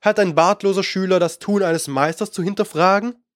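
Male narrator as condescending older sorcerer, impatient, mid-high, dry studio. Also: normal speed, no echo, natural voice.

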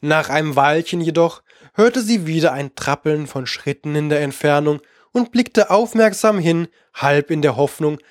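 Measured storybook narrator. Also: mid-range voice, lively intonation, dry recording, studio quality. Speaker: audiobook narrator. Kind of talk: storybook reading.

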